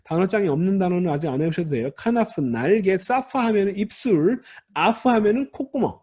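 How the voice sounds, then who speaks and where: A male teacher giving a recorded lecture, his voice slightly raised in pitch and sweeping up and down. He sounds a little husky, patiently restating words and telling his students not to worry. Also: expressive, a little fast, darkish tone. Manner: patient, repeats key words and restarts to explain; addresses students directly and reassures them. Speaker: Hebrew grammar teacher.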